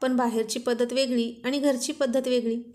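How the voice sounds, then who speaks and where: A woman's voice: a little high, level tone, normal speed, darkish tone, lightly acted. A woman voicing a playful young husband who teases his wife affectionately, in a storybook reading. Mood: teasing. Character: loving, teasing young husband.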